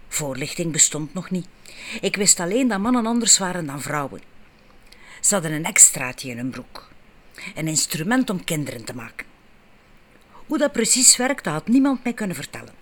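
Wry Flemish woman narrating a story. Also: low-pitched. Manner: frank, wry, intimate storytelling. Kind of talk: audiobook narration.

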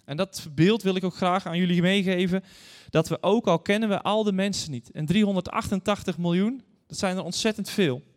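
This guest preacher, a man in his thirties or forties, has a high voice and speaks a little fast with few pauses. He earnestly reads scripture and shares stories, addressing the congregation directly, while the church hall adds a long reverb.

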